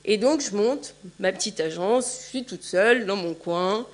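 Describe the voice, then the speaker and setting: A woman's voice: mid-range voice, a little slow. A woman in her forties giving a conference talk in a large hall, chatty and full of fillers. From France. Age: 40s. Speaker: conference speaker.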